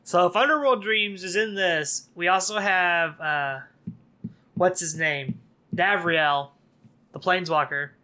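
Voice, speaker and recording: A man with a bright, forceful voice talks casually on a podcast, pitched a little higher than most men. He leans into sarcasm and laughs often. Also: slow pace. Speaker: podcast co-host. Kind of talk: casual card game chat.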